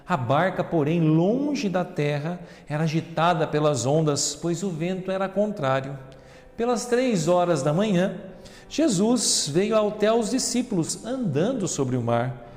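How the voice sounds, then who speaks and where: Brazilian deacon preaching in an echoing church. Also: male voice, sits high, lively intonation, measured pace. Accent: Brazilian Portuguese. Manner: earnest preaching, addresses listeners as brothers and sisters; swings between hushed reflective tones and loud emphatic reading. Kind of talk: Gospel reading and homily. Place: large church sanctuary. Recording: roomy church reverb with soft music.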